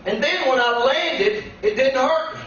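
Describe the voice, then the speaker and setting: A man preaching as a guest pastor. He tells a personal testimony that builds into shouted preaching. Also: very high voice, a little slow, slight background noise. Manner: storytelling that climbs into shouted preaching. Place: church sanctuary. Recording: echoey church room, distant dull mic.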